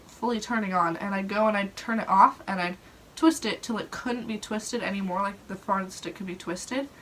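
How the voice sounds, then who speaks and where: A woman's voice: mid-range voice, moderate pace, a bit bright, rough recording. A young adult woman casually telling personal stories in a chatty, rambling way, saying "like" often. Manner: chatty, rambling, heavy use of "like". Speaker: storyteller host. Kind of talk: casual storytelling about personal experiences. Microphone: phone propped on a dresser. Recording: clear background noise.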